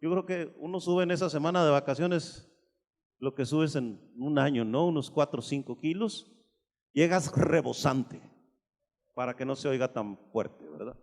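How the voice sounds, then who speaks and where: A man's voice: a little high, normal speed, a little mellow. A man preaching a sermon to a congregation, emphatic and speaking directly to his listeners with rhetorical questions. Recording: long hall reverb.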